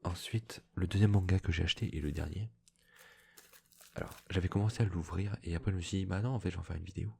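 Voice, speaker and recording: A man speaking in a hushed, soft-spoken ASMR manner, slipping into whispers, with a husky, breathy voice, chatting casually as a host. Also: low voice, fast talker. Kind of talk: soft-spoken ASMR, casual chat about book purchases.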